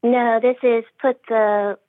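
Woman, phone caller, tinny narrow line, dry sound, brisk and matter-of-fact. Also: a little high, little pitch movement, no echo. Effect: heard over the phone. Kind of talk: casual call-in chat.

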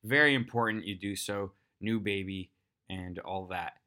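A man's voice: low-pitched, normal speed, pushed and bright. A man hosting a podcast, giving a casual promotional announcement to listeners. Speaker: podcast host.

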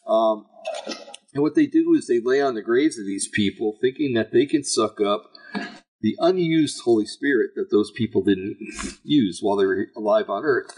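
Guy with a raspy gravelly kinda low voice, folksy rambling religious commentary for his online show, stops and starts a lot. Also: darkish tone, rough recording. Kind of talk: informal religious commentary to a live audience.

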